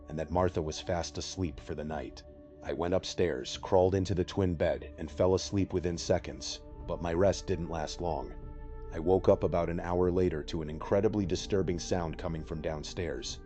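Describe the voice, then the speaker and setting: Deep-voiced man narrating a horror story. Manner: steady, measured first-person telling. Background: faint music.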